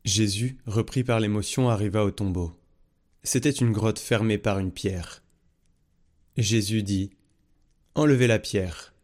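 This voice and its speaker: A man reading a Gospel passage aloud in a measured, even way. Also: fairly low pitch. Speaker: Bible reader. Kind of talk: scripted Bible reading.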